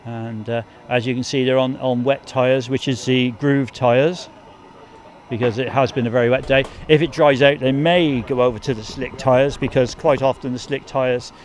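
An older man interviews a race driver outdoors in a paddock beside a team truck, holding a mic with a fluffy windshield. His medium-pitched voice is steady, at a normal speed, and he's chatty and friendly, with filler ums. Faint outdoor noise is audible.

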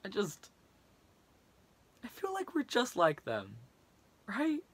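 A young man performing a monologue as a disillusioned teenage high school boy, ranting with halting, emphatic repetition. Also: huge pitch swings, fairly bright tone, breathy edge, heavily acted. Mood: defeated, pleading. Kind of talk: dramatic monologue.

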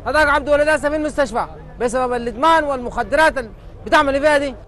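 A distraught father with a Sudanese accent, shouting his grievances at a very high pitch and racing pace in an open-air street comedy. His voice carries over a crowd murmuring faintly behind him. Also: racing, a little hiss or hum. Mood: aggrieved. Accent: Sudanese Arabic. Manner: loud, pleading, accusing stage delivery. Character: worried father angry at drug dealers. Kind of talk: street theatre comedy sketch.

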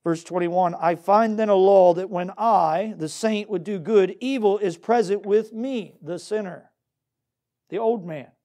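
With a high, warm voice and a slightly unhurried pace, a man preaches in the role of pastor. His Baptist sermon includes scripture reading, earnest exhortation, and questions aimed at the listeners.

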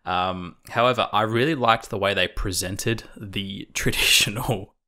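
A man's voice: fairly low pitch, measured pace, pushed and bright. A man co-hosting a podcast, chatting casually and enthusiastically, with loose and casual swearing. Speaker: podcast co-host.

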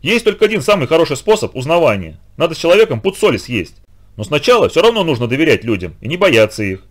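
A man's voice: a little high, quick pace, voice pushed up. Man putting on a bossy pioneer girl. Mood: earnest. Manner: eager, lively.

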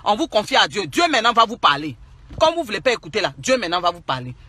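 Ivorian-accented man, very high pitch, scolding preachy online rant, dry close mic. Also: sing-song, quick pace, sharp tone, husky, no echo. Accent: Ivorian French. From Côte d'Ivoire. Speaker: social media commentator. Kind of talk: angry rant to online followers.

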